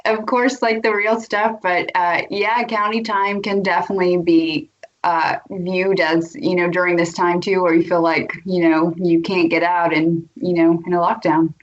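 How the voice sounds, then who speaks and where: American female guest, easygoing conversational delivery, lower register, lo-fi recording. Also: level tone, normal speed. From Tennessee, United States. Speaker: guest singer-songwriter. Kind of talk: casual interview chat. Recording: dull, lo-fi audio.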